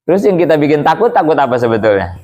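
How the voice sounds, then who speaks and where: A man's voice: on the high side, sing-song, racing, a little mellow. A man giving a casual religious lesson, chatting along and asking his listeners rhetorical questions over and over. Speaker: Islamic teacher.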